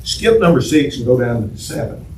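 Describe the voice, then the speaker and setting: A man's voice: mid-range voice, very animated, moderate pace. Guy teaching bible class, sounds far from the mic, roomy echo, lots of restarts. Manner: conversational, repeats words and restarts, asks the class questions. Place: church classroom. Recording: echoey room from far off, faint noise.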